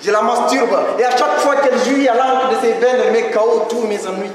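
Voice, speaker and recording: A man's voice: very high voice, steady tone, a little fast, a little hiss or hum. Slam poet, man, Nigerien French accent, emphatic rhythmic delivery, distant echoey hall sound. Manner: rhythmic, declamatory, emphatic cadence. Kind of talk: slam poetry performance. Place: stage at an evening show.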